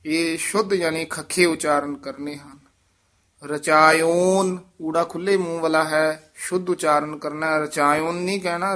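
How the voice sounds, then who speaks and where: A man teaching how to recite scripture, chanting verses slowly and then explaining pronunciation and pauses in quicker asides. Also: fairly high pitch, a bit bright.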